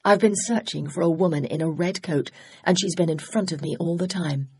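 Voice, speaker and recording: A woman reading an audiobook, voicing a suspicious woman amateur sleuth who speaks crisply and curtly. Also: lowish voice, fairly quick. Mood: sharp. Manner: crisp, wary and curt.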